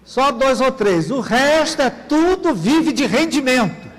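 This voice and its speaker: A man's voice: extremely high pitch, expressive, measured pace. A man preaching a sermon as pastor, often asking the congregation for an amen. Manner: asks the congregation "Amém, querido?" often. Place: church. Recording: long church reverb.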